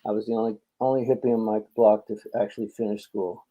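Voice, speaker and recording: Speaking fast in a fairly low, flat, mellow voice, this older Philadelphia man rambles through anecdotes as a casual interview guest. The audio sounds dull.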